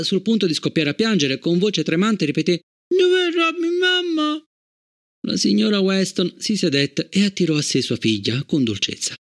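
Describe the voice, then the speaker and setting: Un uomo che legge un audiolibro di racconti e dà voce a tutti i personaggi. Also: male voice, a little high. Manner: acts out every character. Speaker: audiobook narrator. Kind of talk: expressive audiobook reading.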